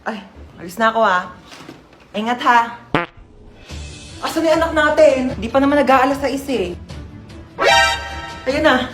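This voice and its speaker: Woman, slightly high voice, one-person comedy skits with quick character switches, music underneath. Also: animated. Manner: quick switches between characters, bursts of shrieks and laughter. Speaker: comedy skit performer. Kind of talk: comic family skits, playing every role.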